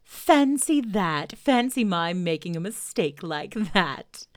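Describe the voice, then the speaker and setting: A woman's voice: fairly low pitch, very animated, slow pace, no room sound, clean studio sound. A woman voicing a motherly female kangaroo in a children's story, soothing and cheerful but firm. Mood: mock innocent. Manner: soothing, coaxing, mildly severe nursery talk.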